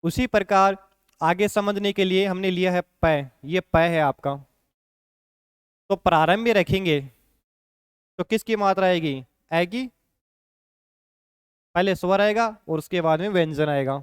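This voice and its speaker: A man's voice: high voice, measured pace, pauses often, clear, resonant tone, no room sound, clean studio sound. A man teaching a shorthand lesson, explaining patiently and often checking in with his students. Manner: patient, repeats points with frequent "ठीक है" check-ins.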